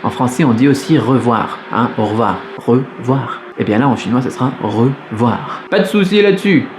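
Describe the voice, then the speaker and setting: A man teaching a beginners' Mandarin lesson in French, patient and clear, repeating each sound slowly. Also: medium pitch, animated, background noise. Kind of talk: video lesson.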